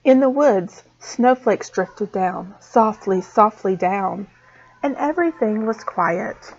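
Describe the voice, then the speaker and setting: A woman teacher reading a storybook aloud to small children, expressive and slow. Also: mid-range voice. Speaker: preschool teacher. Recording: dull lo-fi sound.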